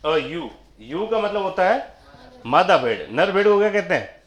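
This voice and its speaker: A man's voice: high-pitched, sing-song, normal speed, fairly bright tone, roomy sound. A male teacher giving a classroom lecture, asking the class questions and answering them himself. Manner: quizzing students, answering his own questions.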